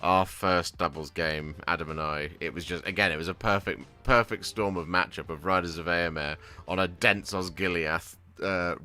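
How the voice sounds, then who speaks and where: Low-voiced man rambling casually. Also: bright, forceful tone, clear, resonant tone. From England. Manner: rambling, full of restarts and fillers. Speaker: hobby vlogger. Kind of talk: casual chat while painting miniatures.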